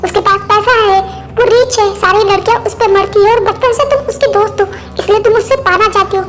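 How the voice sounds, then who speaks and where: A woman's voice: extremely high pitch, fairly even intonation, brisk, music in the background. A woman voicing a blunt friend who lectures insistently in a fan-dubbed drama. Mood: stern. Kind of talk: Hindi fan-dub voice acting.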